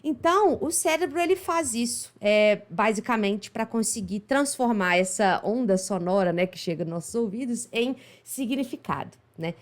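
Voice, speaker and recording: A Brazilian woman with a Minas Gerais Portuguese accent runs a chatty online pronunciation lesson for English, explaining as she goes and repeatedly asking "right?". Her slightly high voice is animated, at a normal speed with hardly any pauses.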